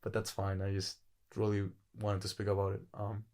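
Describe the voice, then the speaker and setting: Casual rambling man, low voice. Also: monotone, moderate pace, darkish tone. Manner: rambling, swears freely, laughs often. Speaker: podcast co-host. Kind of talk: casual chat.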